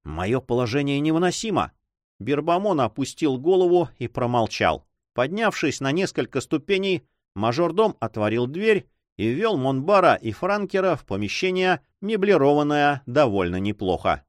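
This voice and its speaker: A man narrating an adventure novel in a measured, expressive reading. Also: a little high, no room sound, studio quality. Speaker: audiobook narrator.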